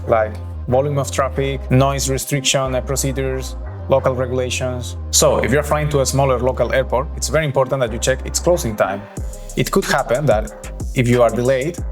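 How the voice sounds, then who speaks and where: This explainer is presented by a man from Spain whose medium-pitched voice carries a Spanish accent. He talks in a lightly scripted, instructional manner while music plays clearly underneath.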